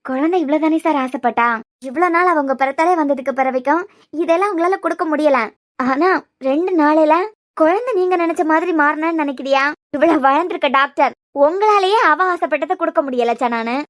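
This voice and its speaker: A woman's voice: sits high, fairly quick, dry recording, clean studio sound, lightly acted. A woman voicing a firm young caretaker in a cartoon, who lectures the father plainly in Kanyakumari Tamil. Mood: lecturing. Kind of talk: cartoon voice acting.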